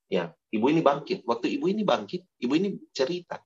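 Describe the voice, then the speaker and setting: A male youth preacher tells stories in an animated, lively way, often laughing as he goes. His voice sits at a middle pitch. The recording is slightly dull and lo-fi. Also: fast, a little hiss or hum. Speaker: youth pastor. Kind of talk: sermon with storytelling.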